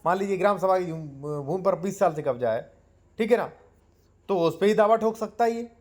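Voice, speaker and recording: A man gives a step-by-step lesson on land law and reads out legal clauses slowly to his viewers. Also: high-pitched, lively intonation, a little mellow.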